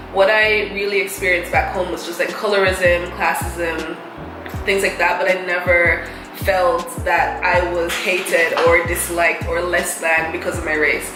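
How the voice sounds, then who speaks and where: A young woman from Jamaica who works as an English teacher, talking casually and thoughtfully with friends, with many fillers. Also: fairly low pitch. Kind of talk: casual chat. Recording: echoey room with background music.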